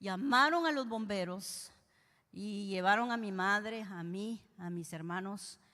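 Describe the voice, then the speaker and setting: A woman's voice: medium pitch, a little slow, sharp tone. Female preacher, heartfelt testimony, long hall echo on the voice. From Guatemala. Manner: emotional, addresses listeners directly. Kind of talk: testimony sermon. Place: church hall.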